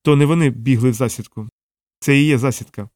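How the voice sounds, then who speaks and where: A man's voice: medium pitch, quick pace, darkish tone, no echo, clean studio sound, lightly acted. A man voicing a tough young woman who gives curt, commanding orders.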